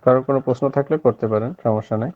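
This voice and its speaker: A man's voice: medium pitch, very fast, no echo. A man teaching an online language class at night, explaining patiently with many filler sounds and checking that students follow. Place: home at night. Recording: slightly dull dry audio.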